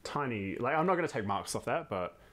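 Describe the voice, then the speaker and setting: A man co-hosting a podcast, talking over film details in a thoughtful, measured way and often answering with short agreements. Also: medium pitch, very animated, a bit bright. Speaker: podcast co-host. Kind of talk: casual film discussion.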